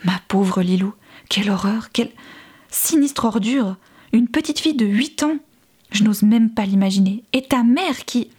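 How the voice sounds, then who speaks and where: A woman voicing a tender, protective young man who speaks in a soft murmur. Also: fairly high pitch, a little slow, breathy edge. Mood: shocked.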